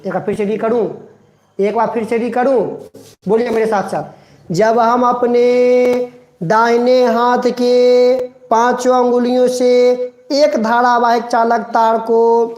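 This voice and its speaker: A man's voice: very high voice, little pitch movement, slow, darkish tone, highs cut off. A male teacher gives a live online class, drilling a rule by repeating it and coaxing students by name to recite along. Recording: echoey room.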